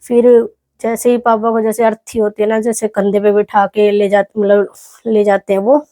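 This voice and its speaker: A young woman from Haryana, telling a personal story in an interview in a soft, reflective, halting way. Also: mid-range voice, little pitch movement. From Haryana, India. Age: young adult. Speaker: athlete guest.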